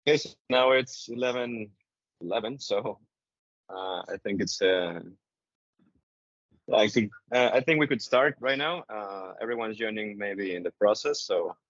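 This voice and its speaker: A man's voice: fairly low pitch, measured pace, a bit bright, no echo. A man hosting a webinar over a video call, talking casually and hesitantly with many fillers and repeated phrases. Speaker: webinar host. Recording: dry, slightly dull online call audio.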